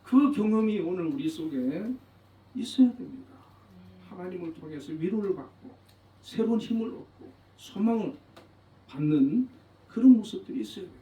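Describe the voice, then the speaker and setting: A man's voice: high voice, lively intonation, normal speed, mellow. A man pastor delivering an earnest, emphatic sermon, repeating phrases for weight. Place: church sanctuary. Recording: roomy, distant, dull church recording.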